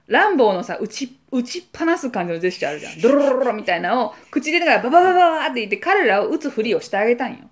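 A woman's voice: a little high, sing-song, racing, hardly any pauses. A woman speaking, co-hosting a podcast and telling a story in casual chat, acting out voices and sound effects as she goes. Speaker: podcast co-host.

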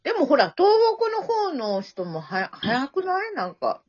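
A woman's voice: high voice, wildly swooping pitch, moderate pace, crowd noise. A woman with a Kansai accent in easygoing, chatty conversation. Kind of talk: casual chat. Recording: muffled lo-fi audio.

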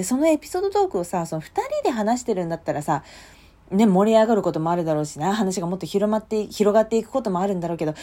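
A young woman hosting a casual solo podcast late at night, chatty and lively, often bursting into a louder voice. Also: mid-range voice. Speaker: podcast host. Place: home at night.

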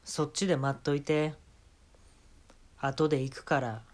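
A man's voice: a little high, level tone, measured pace. Kansai man doing a comic monologue. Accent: Kansai Japanese. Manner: absurd storytelling with mock-serious instructions. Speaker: podcast host.

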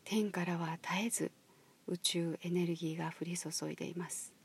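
A woman leading a guided meditation, talking in a soft, slow, breathy near-whisper. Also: on the low side, steady tone, a little hiss or hum. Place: outdoors at a highland marsh.

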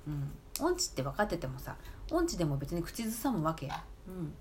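A woman's voice: fairly low pitch, big pitch swings, fairly quick, a little hiss or hum. A woman talking casually on her own, chatty and laughing, with many fillers and asides. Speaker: talk app streamer. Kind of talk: casual monologue.

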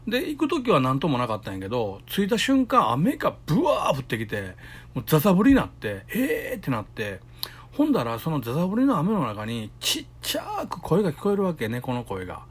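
Husky Kansai man telling stories. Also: fairly high pitch, wildly swooping pitch, a little fast. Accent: Kansai Japanese. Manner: chatty storytelling, acts out quoted voices. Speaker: solo podcaster. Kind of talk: casual solo talk.

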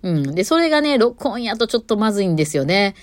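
A violinist woman, chatting on her own in a relaxed, explanatory way from a studio. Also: mid-range voice, fast, dry recording. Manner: chatty and explanatory, with many fillers. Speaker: violinist and podcast host. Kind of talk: casual solo talk. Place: recording studio.

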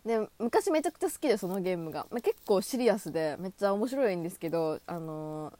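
Lively young woman chatting solo. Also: fast talker, no room sound. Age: 20s. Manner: animated, high-energy, acts out imagined dialogue; self-deprecating, giggly. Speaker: solo talk podcaster. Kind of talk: casual solo monologue.

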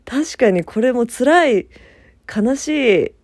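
A woman's voice: a little high, expressive, takes it slowly, a little mellow, no room sound, clean studio sound. Chatty young woman, laughing often. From Fukuoka, Japan. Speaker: podcast host. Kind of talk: casual solo talk.

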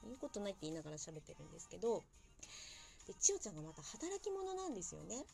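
A young woman talks on her own in a casual, chatty way, poking fun at herself as she goes. Her pitch swings widely and stays animated. Soft music sits faintly in the background. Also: rapid-fire, gravelly. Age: young adult. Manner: chatty, self-deprecating, lively asides. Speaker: podcast host. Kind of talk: casual solo talk about a TV drama.

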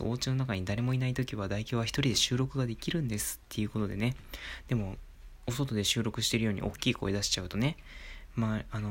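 A low-voiced man talks quietly and alone inside his home, hosting a casual solo podcast recorded on a phone microphone. He keeps the volume hushed, slipping in soft laughs and filler.

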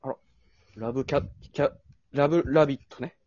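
A man's voice: medium pitch, steady tone, fairly quick, a little mellow, dry recording, muffled recording. A man co-hosting a casual chat podcast, laid-back and jokingly cocky. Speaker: podcast co-host.

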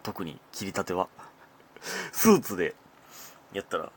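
A man's voice: low-pitched, big pitch swings, unhurried, husky. A man with a Kansai accent hosting his own casual solo talk show, chatty and often laughing as he talks. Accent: Kansai Japanese. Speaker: comedian podcast host.

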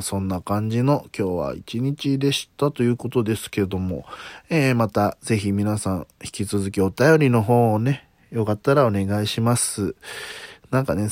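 A man talks alone into a close, dry mic for his own casual talk show. His voice sits on the low side but swings widely up and down as he muses aloud and asks his listeners questions. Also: a little mellow, no room sound. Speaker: podcast host. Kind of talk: casual solo talk radio.

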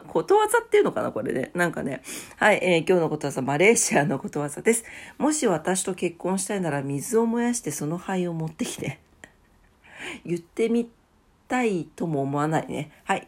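A woman hosting a casual morning talk show, a bit stuffy-nosed, chatty and laughing at her own asides. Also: lowish voice. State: stuffy nose. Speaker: podcast host.

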